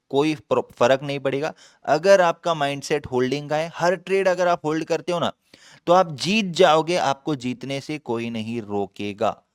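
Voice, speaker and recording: A man's voice: mid-range voice, clear, resonant tone, no room sound, clean studio sound. A young man giving live trading commentary as a channel host, talking in an emphatic, repetitive way and calling the viewer brother. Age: young adult.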